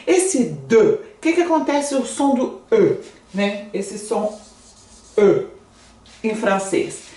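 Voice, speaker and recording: Brazilian woman, french teacher, lively sing-song pitch, slow unhurried delivery. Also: roomy sound, recorded from a distance. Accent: Brazilian Portuguese. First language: Portuguese. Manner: lively, coaxing, exaggerated mouth shapes in demonstrations. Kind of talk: casual online language lesson.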